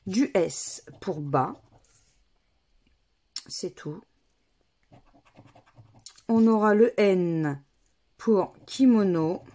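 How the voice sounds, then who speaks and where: Slow, methodical woman vlogger. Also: mid-range voice, lively intonation, mellow. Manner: methodical, spells out letters and numbers one by one. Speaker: scratch-card vlogger. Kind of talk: casual commentary while playing scratch games.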